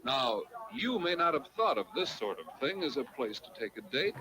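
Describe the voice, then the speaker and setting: A man's voice: medium pitch, sing-song, normal speed, bright, forceful tone, rough recording. A man narrating a 1950s educational film in a friendly, instructive manner.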